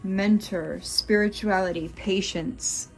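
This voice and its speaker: A woman doing a tarot reading, talking slowly and pausing between cards. She gets openly fed up, muttering and swearing at the cards while faint music plays behind her. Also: medium pitch, fairly even intonation. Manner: exasperated, swearing, muttering asides. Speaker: tarot reader. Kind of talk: channeled tarot reading to viewers.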